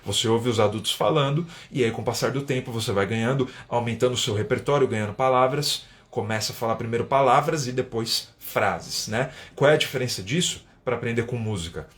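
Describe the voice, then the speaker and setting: A man's voice: mid-range voice, fairly quick, few pauses, a bit bright. A man with a Brazilian Portuguese accent, an English teacher hosting a casual live-stream lesson and reading viewer comments aloud. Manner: chatty, explains step by step, tags sentences with "né?", reads viewer comments aloud.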